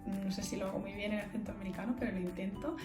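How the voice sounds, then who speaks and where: A woman's voice: mid-range voice, steady tone, rapid-fire, darkish tone, roomy sound, soft background music. A woman from England with an English accent, patiently explaining phrases in a bilingual language lesson. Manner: explains patiently, switching between English and Spanish. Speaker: English teacher.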